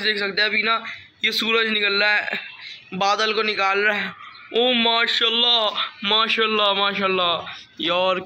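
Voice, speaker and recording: A young man vlogging casually from his home rooftop on a phone, excitable, repeating words often. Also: high voice, a little hiss or hum. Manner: excitable, repeats words, frequent religious exclamations. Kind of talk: casual vlog chat.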